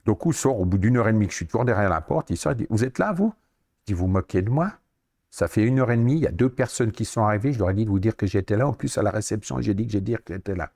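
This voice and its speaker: A man in his sixties with a Swiss French accent, a podcast guest telling lively anecdotes and acting out the dialogue he quotes. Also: lowish voice, rapid-fire, vocal fry. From Switzerland. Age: 60s. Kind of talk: storytelling interview.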